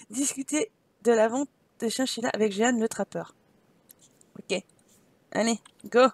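Woman doing a let's play, chatty and jokey, kinda high voice, dry close mic. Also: takes it slowly, long pauses, no echo. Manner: chatty and playful, reacting with laughs and asides. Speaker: gaming channel host. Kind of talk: let's play commentary, reading in-game dialogue aloud.

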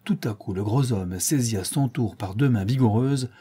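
A man narrates a classic literary audiobook with a husky, dark voice. He reads expressively and raises his pitch for quoted characters. The delivery stays steady and story-focused. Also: normal speed. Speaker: audiobook reader.

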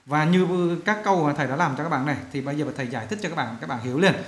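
Man teaching English, echoey room. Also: on the high side. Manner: slows down to read sentences aloud, fills with "đó" and "à". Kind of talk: classroom lesson explaining sentence rewriting.

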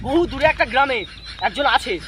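High-voiced young man in a noisy outdoor sketch. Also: brisk. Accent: Bengali. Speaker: fake holy man in a sketch. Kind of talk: comic village sketch acting.

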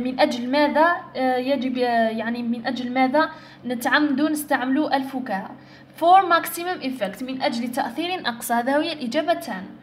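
High-voiced Algerian woman tutoring English. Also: slight background noise. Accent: Algerian Arabic. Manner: explains step by step, mixing in English and French, reads English slowly. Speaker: English teacher. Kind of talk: exam-prep tutorial.

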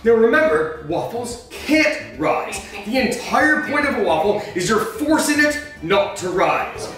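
A man's voice: high voice, very animated, unhurried, a bit bright. A man in a superhero costume hosting a joking cooking demonstration, chatting as he explains each step. He is recorded in a home kitchen by a far camera. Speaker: cosplay cooking host. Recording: echoey kitchen from far off, faint music.

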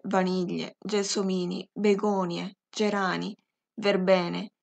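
A woman reads a literary audiobook in a slow, measured, expressive voice. Her tone has a gravelly, creaky texture, at a middle pitch. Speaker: audiobook narrator. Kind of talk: scripted literary audiobook narration.

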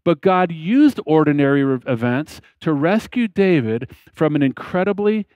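A man in his fifties preaching a sermon from a church lectern on a headset mic, slow and deliberate, with emphatic pauses and phrase ends that fall away. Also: fairly high pitch, sing-song, clear, resonant tone, dry recording, narrow, tinny audio. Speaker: pastor. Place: church platform behind a lectern, indoors.

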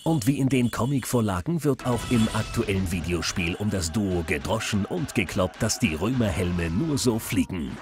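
A man's voice: fairly low pitch, expressive, normal speed, few pauses, over music. A man reading a scripted video game magazine review as the narrator.

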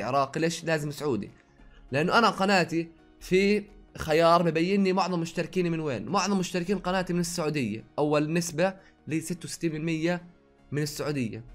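Fast-talking young Jordanian man. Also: fairly high pitch. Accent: Jordanian Arabic with some Saudi words. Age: young adult. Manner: rapid, chatty, reads viewer questions aloud then answers. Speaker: YouTuber. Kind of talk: casual Q&A vlog answering viewers. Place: his own room at home.

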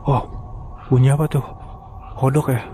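Spooked man exploring, dark-toned voice. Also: mid-range voice, little pitch movement, moderate pace, a little hiss or hum. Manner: uneasy, spooked, muttering exclamations and prayers. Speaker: urban explorer vlogger. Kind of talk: casual running commentary on a night exploration. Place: abandoned resort at night, outdoors and in empty halls.

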